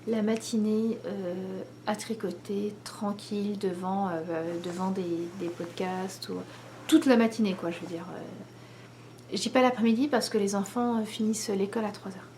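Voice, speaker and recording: A woman, likely in her thirties, chatting casually to the camera at home as host of a knitting video, pausing often with many fillers. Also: mid-range voice, fairly even intonation, darkish tone, slight background noise. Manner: hesitant, many pauses and fillers.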